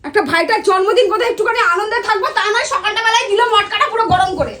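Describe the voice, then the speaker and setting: A woman with a Bengali accent scolding her husband loudly and insultingly in a comedic quarrel sketch. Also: extremely high pitch. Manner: scolding, insulting, loud and fast.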